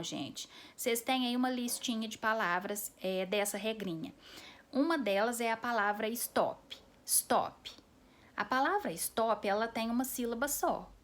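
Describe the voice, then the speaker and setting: A woman teaching an English grammar lesson in a patient classroom manner, walking through each rule step by step. She slows down to spell out letters and often checks in with her students. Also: a little high.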